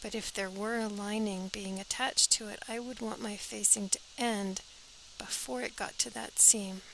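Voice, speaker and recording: A woman's voice: medium pitch, fairly even intonation, normal speed, vocal fry, fairly bright tone, a little hiss or hum, poor audio. A woman teaching a step-by-step sewing pattern drafting tutorial, practical and talking as she works, often dropping to an airy half-whisper.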